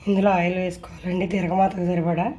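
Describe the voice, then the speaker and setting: A woman's voice: fairly low pitch, level tone, quick pace, dark tone. A woman politely narrates a home recipe step by step as a cooking vlogger. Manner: polite, instructional. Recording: faint noise with kitchen clatter.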